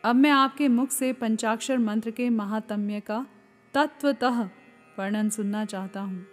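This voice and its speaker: A woman reading the lines of a young divine prince who respectfully questions a great sage, in a slow, reverent recitation. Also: a little high, lightly acted. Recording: reverberant, faint sitar music behind.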